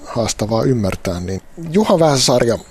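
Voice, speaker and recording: A man's voice: medium pitch, big pitch swings, darkish tone, slightly rough. A man hosting, asking questions in a hesitant way, searching for words. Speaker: host. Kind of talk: casual interview questions.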